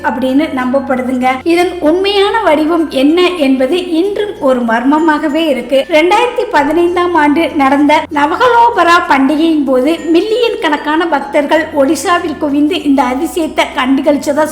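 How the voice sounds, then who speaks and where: A woman narrating a scripted devotional story to her listeners as a channel host. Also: sits high. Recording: roomy echo.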